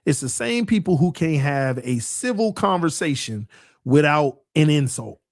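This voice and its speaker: A man's voice: a little high, big pitch swings, a little slow, no room sound, clean studio sound. Earnest forty-year-old man preaching at the mic. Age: 40s. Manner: earnest, repetitive, builds to emphatic preaching. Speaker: sports podcast host. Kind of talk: casual preachy monologue.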